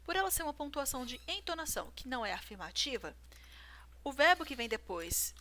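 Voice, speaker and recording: A woman's voice: high voice, lively intonation, brisk, pushed and bright. A woman explaining grammar rules to a viewer, working through examples and checking in with "right?". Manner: talks through examples, asks "certo?". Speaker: writing teacher.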